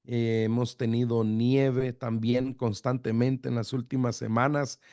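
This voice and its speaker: A Salvadoran pastor appears as a guest in a conversational radio interview, speaking Spanish with a Salvadoran-Guatemalan border accent. He's relaxed but halting and hesitant, using fillers and repeating words; his medium-pitched voice is recorded with no room sound.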